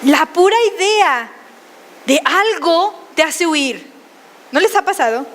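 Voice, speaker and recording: Woman preaching an animated sermon. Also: very high voice, slow pace, long reverb tail, a little hiss or hum. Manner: animated, questioning the congregation.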